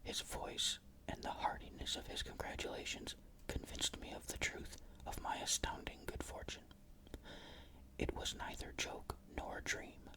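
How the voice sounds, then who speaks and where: A narrator reading a ghost story in a breathy, unvoiced whisper, with measured, careful literary phrasing. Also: low-quality recording.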